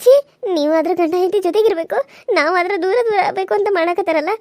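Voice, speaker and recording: A woman voicing a fiery, hurt young wife in a cartoon serial, with a North Karnataka accent and shrill, scolding, tearful delivery. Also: fast, darkish tone, no room sound. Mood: crying angry. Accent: North Karnataka Kannada. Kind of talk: Kannada cartoon serial voice acting.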